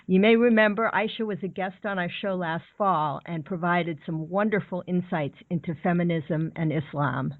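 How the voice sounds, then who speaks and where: Host: woman reading a clear scripted intro, dry and tinny. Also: on the low side, normal speed, hardly any pauses, no echo. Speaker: podcast host. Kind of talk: scripted introduction and interview questions. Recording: dry, phone-like sound.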